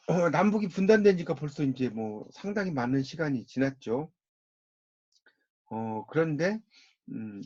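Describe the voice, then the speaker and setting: A man's voice: mid-range voice, dry recording. Muffled man lecturing, dry sound. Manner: steady instructive pace, tells students to mark the textbook. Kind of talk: classroom lecture on language. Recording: dull, muffled dry audio.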